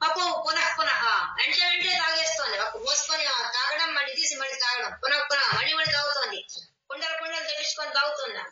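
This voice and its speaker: A woman's voice: high-pitched, fast talker, over a noisy crowd. A woman teaching a scripture class, explaining each verse, repeating phrases and asking rhetorical questions. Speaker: spiritual teacher. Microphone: online class recording. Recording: roomy, distant, dull online class audio.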